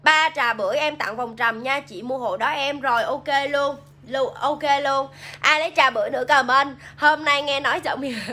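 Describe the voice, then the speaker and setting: Bright high-voiced Southern Vietnamese woman seller. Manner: chatty, reads viewer comments aloud and hypes products. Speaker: livestream seller. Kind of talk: casual live sales pitch.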